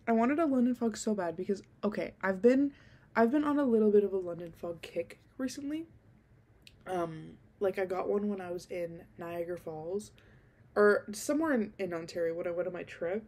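Sounding a little nasal from illness, this young woman podcaster rambles casually, full of ums and likes, into a handheld desk mic right by her mouth in a dimly lit bedroom. Her pitch is medium, her pace moderate, and her voice mellow.

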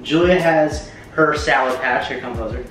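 A young American man hosts a challenge video, chatting casually to camera in a slangy style and swearing often. His mid-range voice is a bit bright and moves at a measured pace. A camera mic a few feet away picks him up in an echoey home kitchen with faint music behind.

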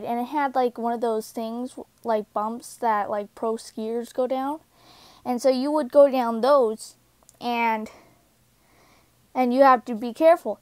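Halting young woman telling a story. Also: a little high, no echo. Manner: halting, many fillers and restarts. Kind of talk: casual personal story.

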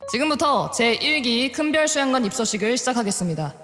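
A woman's voice: fairly high pitch, very animated, quick pace, fairly bright tone. A woman making formal ceremony announcements. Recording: long hall reverb.

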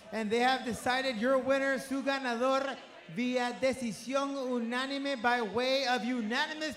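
High, echoey male fight ring announcer. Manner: drawn-out, shouted name calls. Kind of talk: bilingual fight ring announcing, lucha libre style. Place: indoor cage fight arena.

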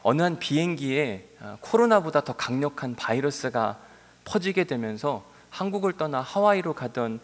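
Animated male pastor preaching in a reverberant church. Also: fairly high pitch, moderate pace. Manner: animated, lively storytelling that acts out biblical dialogue. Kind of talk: sermon. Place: church sanctuary. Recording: long reverb of a large church hall.

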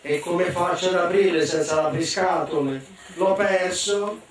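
A big clumsy ogre, forever hungry and quick to weep, whining and blustering in a high voice, as a man puts him on. He is heard from a distance in an echoey room. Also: fairly even intonation. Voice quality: whiny, blustering. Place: bookshop reading event.

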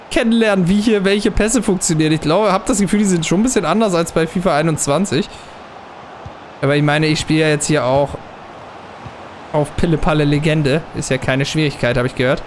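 A young man giving casual commentary while he plays a football video game, muttering at times and bursting out loudly at plays. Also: a little high, a little fast, slight background noise. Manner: excitable, swings from muttering to loud outbursts at plays. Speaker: gaming channel host.

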